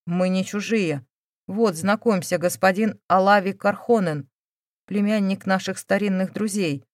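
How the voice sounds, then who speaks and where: A stern, domineering older mother, as a woman reads her part, scolding and indignant with a loud, sharp edge. The pitch sits in a middle register and the recording is dry and close. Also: a little slow, dry recording, natural voice. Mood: cold. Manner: scolding, raised voice.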